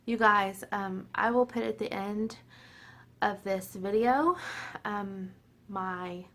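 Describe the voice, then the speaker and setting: This woman's voice is medium-pitched, fairly bright, and steady, and she talks slowly. She's a vlogger in her forties, slightly tipsy, chatting casually to camera at home with plenty of laughter and self-deprecating remarks.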